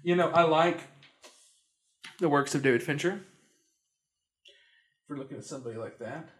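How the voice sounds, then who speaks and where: This young male podcast host speaks at a moderate pace in a higher-than-average voice during a casual chat. He's hesitant, stammering often and restarting his sentences again and again.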